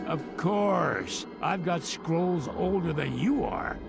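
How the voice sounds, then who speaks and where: An actor voicing a cranky, boastful old troll scholar in a video game. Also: male voice, on the high side, expressive, takes it slowly, exaggerated voice. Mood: gruff. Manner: gravelly, boastful, rambling. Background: game music.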